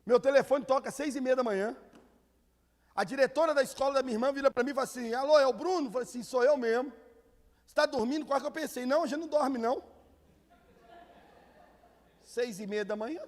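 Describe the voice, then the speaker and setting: A man's voice: very high-pitched, quick pace, pauses often. A man, a pastor preaching a sermon, telling stories and acting out the people in them. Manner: lively storytelling, acting out quoted people. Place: church hall. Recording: long reverb of a church hall.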